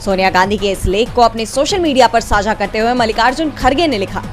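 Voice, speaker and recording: A woman with a high-pitched voice narrates a scripted news report. She speaks as a reporter in voice-over, with music playing faintly underneath. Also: animated, fast. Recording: music bed behind the voice.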